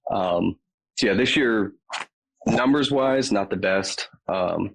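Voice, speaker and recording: A man's voice: lowish voice, takes it slowly, vocal fry, rough recording. A man with a Southern US accent, a podcast guest chatting casually and rambling with many ums. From Virginia. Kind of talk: casual chat.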